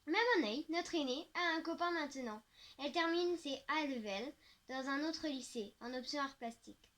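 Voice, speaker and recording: High-voiced woman reading a novel aloud. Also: moderate pace, a bit bright. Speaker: audiobook narrator. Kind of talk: first-person novel reading.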